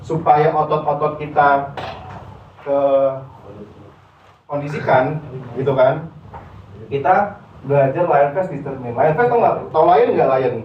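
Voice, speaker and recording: A man with a fairly high voice runs a casual public speaking workshop in a university classroom, speaking at a measured pace with long pauses. He chats directly to his students and mixes in English terms. The recording is echoey and dull, with a distant mic and slight background noise.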